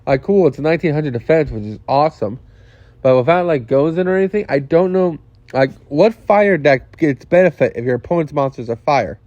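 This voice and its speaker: A young man talks through game cards for his video in a casual review, thinking aloud, restarting frequently and sometimes swearing. His slightly high voice has lively intonation, a brisk pace and a darkish tone, recorded lo-fi without room sound.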